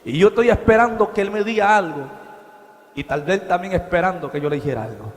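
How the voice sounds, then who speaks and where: A man's voice: high-pitched, animated, fairly quick. A man giving a fervent sermon testimony, speaking directly to his listeners in a large church hall. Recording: long hall reverb.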